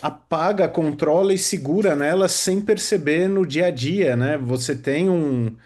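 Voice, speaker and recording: A man hosting a podcast, with a voice pitched a little higher than most men's. He stays engaged, chimes in with short agreements and picks up on his guest's ideas. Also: a little mellow. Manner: engaged, quick affirmations, builds on guest's points. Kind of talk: casual podcast conversation.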